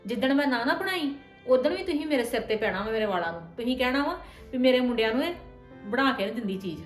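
A woman's voice: a little high, expressive, reverberant, soft background music, lightly acted. A woman playing a hurt young wife. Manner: pleading and defensive, quick talk. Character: hurt young wife, earnest and tired of blame. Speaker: daughter-in-law in a family drama. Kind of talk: scripted domestic drama acting.

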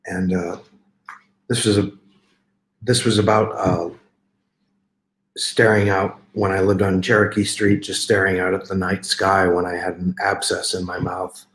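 A man reading his own poems aloud, with halting, filler-heavy asides between the slow, measured verses. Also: low voice, flat delivery, echoey room. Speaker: poet reading his work. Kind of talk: poetry reading.

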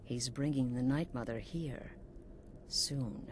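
A woman with a very deep voice performs a middle-aged video game assassin leader, coolly sinister and sly. She speaks in a measured, knowing, wry way with dramatic pauses, against slight background noise.

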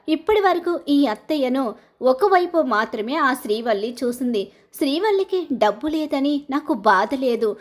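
A woman voicing a stern middle-aged mother-in-law who scolds her family with slow, emphatic indignation. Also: high-pitched. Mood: indignant.

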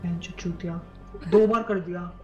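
Male streamer, headset mic, high and monotone, profane scolding banter. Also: normal speed, dull audio, faint music behind. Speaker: livestreamer. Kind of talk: casual gaming chat.

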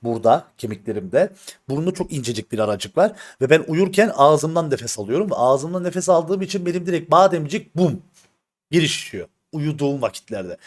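Man, live streamer, slightly high voice, heated and blunt, swears, repeats himself, talks straight to viewers. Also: expressive, brisk. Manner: addresses the audience directly, repeats himself for emphasis. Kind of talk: casual stream talk to viewers.

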